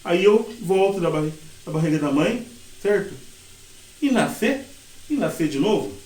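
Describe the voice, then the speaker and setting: A middle-aged man teaching a sign language interpreting class in a casual, lively way, acting out his examples. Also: sits high, moderate pace. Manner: lively, acts out examples and quotes. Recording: echoey room, mic at a distance.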